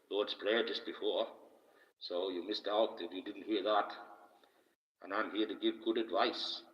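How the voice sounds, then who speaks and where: A solemn archangel hands out slow, preachy advice about balance and love, as an Australian streamer puts him on. The voice sits fairly low and is bathed in a deliberate ethereal echo with a long reverb tail. The sound is dull and lo-fi, like a cheap home streaming setup. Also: male voice. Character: solemn archangel giving life advice, male. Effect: added echo for an ethereal voice. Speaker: live streamer reading chat.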